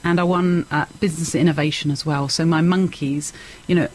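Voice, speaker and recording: A woman's voice: deep voice, fairly even intonation, brisk, darkish tone, poor audio. A woman who coaches public speaking, giving an enthusiastic, step-by-step radio studio interview. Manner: enthusiastic, explains in steps with examples.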